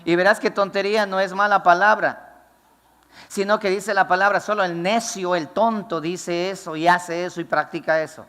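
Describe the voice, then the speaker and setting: Pastor guy preaching hard, high bright voice, big echoey church hall. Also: steady tone, moderate pace, clear, resonant tone. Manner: fervent, emphatic preaching. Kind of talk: sermon. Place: church with congregation.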